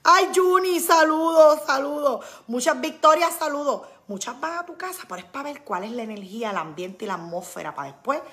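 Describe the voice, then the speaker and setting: A woman's voice: high voice, normal speed, few pauses. A woman, hosting a casual live talk and acting out what friends say to her. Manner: animated, acts out quoted friends. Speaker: podcast host.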